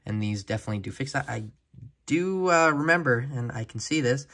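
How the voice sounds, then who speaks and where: A man reviewing an action figure in a casual, chatty vlog, enthusiastic and filling pauses with "uh". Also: medium pitch, lively intonation, fairly bright tone. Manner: chatty and enthusiastic, frequent "uh" fillers.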